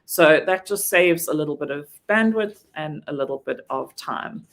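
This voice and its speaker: A woman's voice: low-pitched, expressive, normal speed. A South African woman giving a casual online training talk on virtual assistant work, with frequent ums and self-corrections.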